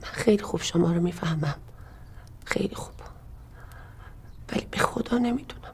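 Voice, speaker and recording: An actress playing a nervous woman who softly begs for calm and apologizes. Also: fairly low pitch, roomy sound, recorded from a distance, natural voice. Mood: pleading. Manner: soft, apologetic, placating. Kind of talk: TV drama acting.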